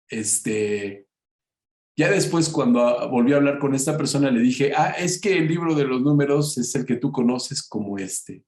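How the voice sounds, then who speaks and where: A man teaching a Bible study lesson, calling his listeners brothers and often pausing on "este". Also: medium pitch, darkish tone, echoey room. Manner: slow and unhurried, many filler "este", addresses listeners as brothers.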